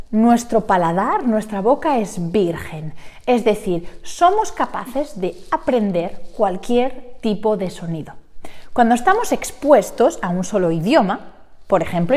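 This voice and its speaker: A woman's voice: on the high side, darkish tone. A young woman teaching Spanish pronunciation in an online lesson, animatedly demonstrating sounds aloud.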